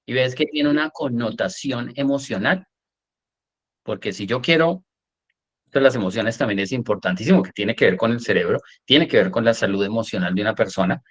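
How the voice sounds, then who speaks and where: A man lecturing a workshop class, animated, often checking in with "¿sí?" and acting out examples. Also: medium pitch, fairly quick, husky. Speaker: coach teaching a workshop.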